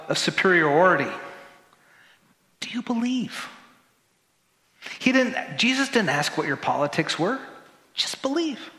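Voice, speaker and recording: Male pastor, sermon, fairly high voice, joking asides, roomy reverberant sanctuary. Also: bright, forceful tone. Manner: conversational, with joking asides and repeated words. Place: church sanctuary. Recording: roomy church hall reverb.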